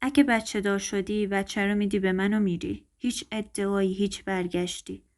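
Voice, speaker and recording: A woman voicing a stern, wealthy man who talks bluntly and in a measured, businesslike way in a narrated story. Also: mid-range voice, fairly even intonation, a little mellow, natural voice. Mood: cold. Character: stern, cold wealthy man laying out a contract.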